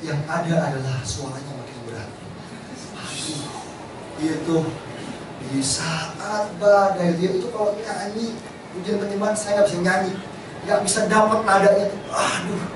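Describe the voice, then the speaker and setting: A male pastor delivers a sermon, his voice sitting high for a man. He speaks in a lively, storytelling way. The recording is roomy and distant, with clear background noise. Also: moderate pace. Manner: lively storytelling, addresses congregation as Bapak Ibu. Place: large church hall. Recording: echoey hall, distant mic, background noise.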